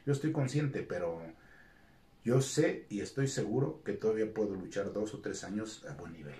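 A man's voice: lowish voice, moderate pace. A middle-aged man with a Mexican accent, a retired wrestler telling stories in a casual interview and acting out the dialogue. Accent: Mexican Spanish. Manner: animated storyteller acting out quoted dialogue. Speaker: retired lucha libre wrestler, guest. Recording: echoey room, voice from off-mic.

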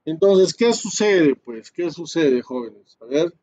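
Male instructor, higher-pitched, steps through commands slowly with fillers; dull lo-fi recording. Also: expressive, warm tone. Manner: explains step by step, many fillers and tag questions. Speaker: networking instructor. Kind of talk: live screen-share class.

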